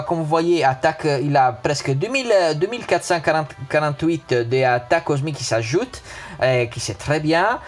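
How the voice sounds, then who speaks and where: A man with a foreign accent in French who is not a native speaker, giving a casual unscripted game review and often repeating words and restarting. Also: fairly high pitch. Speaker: gaming video host.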